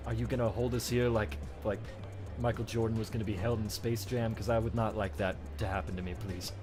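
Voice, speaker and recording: A man's voice: fairly low pitch, steady tone, brisk, close to an everyday voice. A man playing a brooding hedgehog antihero, hosting a livestream with dry, grumbling, hesitant banter. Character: Shadow the Hedgehog, brooding male anthropomorphic hedgehog held captive. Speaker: livestream host reading donations. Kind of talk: in-character improvised livestream banter. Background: background music.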